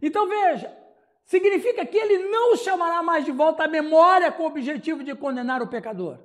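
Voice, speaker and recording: High-voiced animated Brazilian pastor. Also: male voice, a little fast. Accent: Brazilian Portuguese. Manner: animated storyteller who acts out dialogue and laughs often. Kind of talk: expository Bible study sermon.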